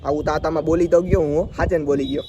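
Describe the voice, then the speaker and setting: A young vlogger stands outdoors by a school, telling a story in a casual vlog with soft music in the background. His fairly high voice moves fast, the highs are cut off, and he animatedly acts out the quoted exchanges.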